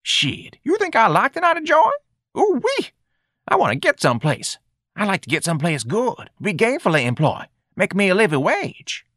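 A brash young street hustler, voiced by a male narrator scoffs and wisecracks in a much higher, whooping register. His pitch leaps around wildly on exclamations. The read is close and dry. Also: wildly swooping pitch, moderate pace, a bit bright, dry recording, full character voice.

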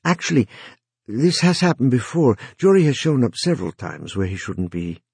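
A man's voice: medium pitch, sing-song, moderate pace, vocal fry, a little mellow, breathy edge, dry recording, voice pushed up, exaggerated voice. A man voicing a stilted, formal mortuary owner who explains things in a placating manner. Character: stilted male mortuary owner, smooth, bureaucratic.

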